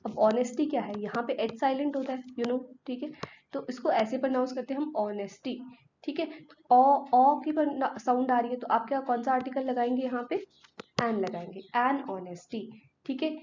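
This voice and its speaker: A woman's voice: high voice, fairly quick, darkish tone, lo-fi sound, slight background noise. A woman teacher giving an exam-prep grammar lesson. She asks her students questions and answers them herself, mixing English words into Hindi.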